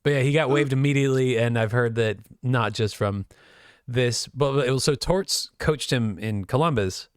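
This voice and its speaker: A man's voice: medium pitch, moderate pace, clean tone, no echo, studio quality. A man co-hosting a casual hockey podcast, joking around, laughing often and swearing casually. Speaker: podcast co-host.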